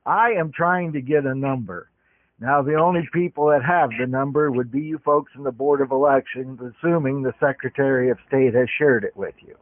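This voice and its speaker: A man's voice: medium pitch, moderate pace, no echo. Man on a tinny phone line. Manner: polite, methodical, explains at length. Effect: heard over a phone line. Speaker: caller. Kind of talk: phone call. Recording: tinny dry phone call recording.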